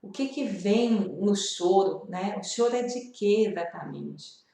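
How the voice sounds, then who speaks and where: A woman's voice: medium pitch, lively intonation, takes it slowly, vocal fry, warm tone, heavy reverb. A woman with a Brazilian accent, talking earnestly and confidingly to the viewer in a personal vlog. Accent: Brazilian Portuguese. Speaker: video host sharing grief advice. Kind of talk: personal vlog talk to camera.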